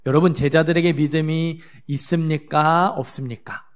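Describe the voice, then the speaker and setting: High gravelly man preaching sunday sermon at church, asks the people stuff then answers it. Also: very animated, moderate pace. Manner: asks the congregation questions and answers them himself; acts out the disciples' frantic words in a higher voice. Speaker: pastor. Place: church sanctuary.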